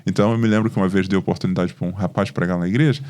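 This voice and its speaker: Brazilian pastor telling lively stories. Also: male voice, low voice, racing. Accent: Brazilian Portuguese. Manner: animated storytelling, acts out dialogue. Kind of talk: podcast conversation.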